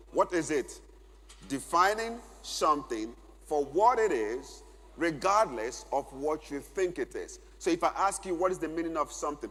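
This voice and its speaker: Middle-aged guy preaching at a men's conference, husky voice, repeats stuff for notes, big echoey hall. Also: on the high side, a bit bright. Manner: emphatic, repeats key phrases for note-taking. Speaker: conference speaker. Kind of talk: church conference teaching. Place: large church hall. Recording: long hall reverb.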